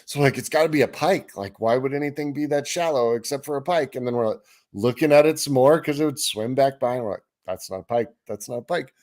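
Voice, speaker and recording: A man's voice: medium pitch, fast talker. A man co-hosting a fishing show, telling a story casually and acting out what people said. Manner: animated storyteller, acts out quotes, laughs while telling. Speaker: podcast co-host.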